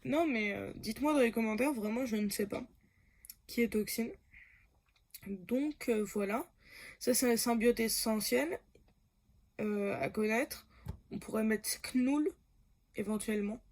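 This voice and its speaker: Chatty, hesitant woman with a slightly high voice. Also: a little slow, pauses often, darkish tone. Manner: hesitant, full of "euh" and self-corrections, laughs often. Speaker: comics YouTuber. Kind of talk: casual comics explainer.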